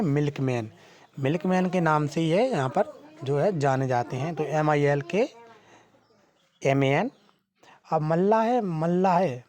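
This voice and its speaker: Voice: mid-range voice, dark tone. An English teacher giving a vocabulary lesson, posing questions and answering them, spelling words out letter by letter, with frequent "hmm" and "theek hai" fillers. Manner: asks and answers its own questions.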